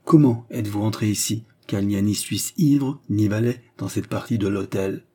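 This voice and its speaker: In an audiobook reading, a man voices an all-knowing count whose speech is icy, ironic, and calmly commanding. His dark, husky voice is pitched a little raised and carries quiet authority, delivered at normal speed in a natural, ironic mood.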